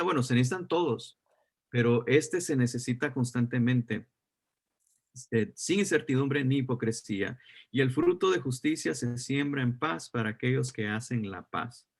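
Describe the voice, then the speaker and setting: A man's voice: mid-range voice, lively intonation, moderate pace. A man teaching a church course as a pastor, repeating his key phrases and putting questions to his listeners. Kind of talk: sermon teaching.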